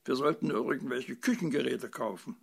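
A man's voice: mid-range voice, moderate pace, gravelly, husky. A man voicing a stubborn, suspicious old farmer in a storybook reading. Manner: grumpy, distrustful, dismissive.

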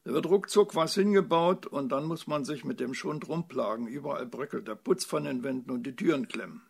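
A man's voice: medium pitch, fairly quick, vocal fry, husky. A man voicing a stubborn, suspicious old farmer in a storybook reading. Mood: grumpy. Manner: grumpy, distrustful, dismissive.

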